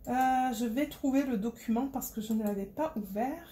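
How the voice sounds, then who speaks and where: Chatty Marseille-accented woman, slightly high voice. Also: moderate pace, mellow, slight background noise. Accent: Marseille French. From Marseille, France. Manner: rambling, hesitant, searching for words. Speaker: diamond painting vlogger. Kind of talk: casual chat to camera. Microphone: phone.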